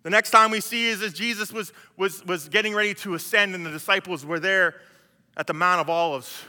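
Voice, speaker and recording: A man preaching a conversational sermon in a church, with a high voice and a very bright, forceful tone. He retells the scenes of scripture in an easy, chatty way and often restarts his phrases. The sound rings with a long reverb from the hall. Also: fairly quick. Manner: conversational, acts out biblical scenes, many restarts. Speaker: pastor.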